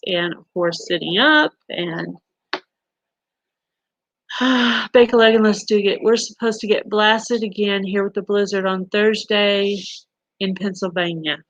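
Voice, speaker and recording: A middle-aged woman from Texas, with a Texan accent, hosts a live stream, reading viewer comments and telling stories in a chatty way full of fillers and restarts. Her medium-pitched voice is a bit bright, and the lo-fi audio has no echo.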